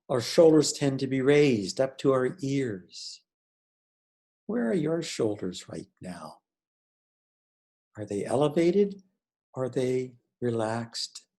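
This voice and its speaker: This man's medium-pitched voice is sing-song and darkish as he teaches a guided meditation. He paces his words deliberately, leaving pauses between phrases.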